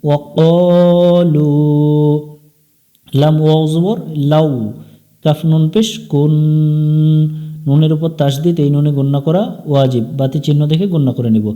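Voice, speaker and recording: A man with a Bangladeshi Bengali accent teaches Quran recitation, spelling out letters and vowel marks before chanting each verse slowly. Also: a little high, warm tone. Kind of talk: slow step-by-step recitation lesson.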